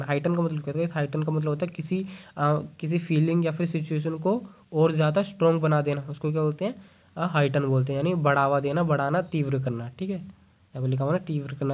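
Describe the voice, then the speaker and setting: Tinny-sounding male vocabulary teacher. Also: fairly high pitch. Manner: explains each word in Hindi, reads English examples slowly; repeats "ठीक है" and "उसको क्या बोलते हैं?" often. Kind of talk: exam vocabulary lesson. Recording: tinny phone-like audio.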